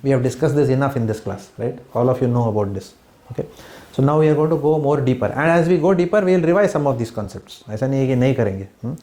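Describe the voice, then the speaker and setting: A man's voice: mid-range voice, rapid-fire, dark tone, roomy sound. A man from Bombay with an Indian accent, teaching a devotional home class and often asking the listeners "hmm?" and "right?". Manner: keeps checking in with "hmm?" and "right?", quizzes listeners with questions. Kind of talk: spiritual class talk mixing English and Hindi. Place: room in a home.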